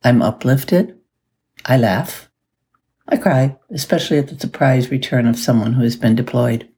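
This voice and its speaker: A woman's voice: very deep voice, moderate pace, warm tone. A woman hosting a solo podcast as a life coach, chatting in a groggy early-morning voice, upbeat and with little laughs. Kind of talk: casual solo podcast talk.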